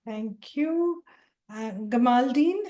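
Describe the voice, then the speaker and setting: Woman running a video call workshop, kinda high voice, soft mellow tone, friendly. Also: expressive, slow. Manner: friendly, calls out names one by one. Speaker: workshop facilitator. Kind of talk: online class introduction.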